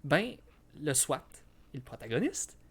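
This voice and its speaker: A man's voice: a little high, very animated, a little slow, fairly bright tone, breathy edge. Hesitant young Quebec man. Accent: Quebec French. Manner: hesitant, restarts often, self-doubting. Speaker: podcast co-host. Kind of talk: casual film discussion.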